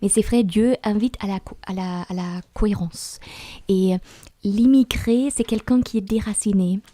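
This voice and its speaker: A woman's voice: medium pitch, normal speed, warm tone, no room sound. A woman on a Bible study panel, speaking reflectively and often adding small tag words as she talks. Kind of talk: religious panel discussion.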